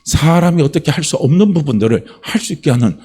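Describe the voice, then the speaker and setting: A man preaching a sermon as pastor, asking rhetorical questions and building to passionate, high-pitched emphasis. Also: lively intonation, quick pace, warm tone.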